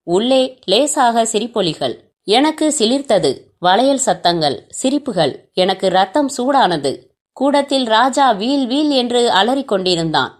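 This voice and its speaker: A woman reading a novel aloud, telling the story steadily and voicing the dialogue herself. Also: fairly high pitch. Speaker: narrator.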